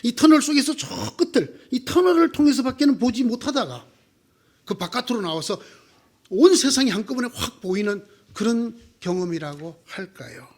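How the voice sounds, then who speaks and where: Male pastor, sermon, husky tone, lively swooping delivery, rhetorical questions, church. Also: extremely high pitch, normal speed. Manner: animated, asks the congregation rhetorical questions. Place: church sanctuary.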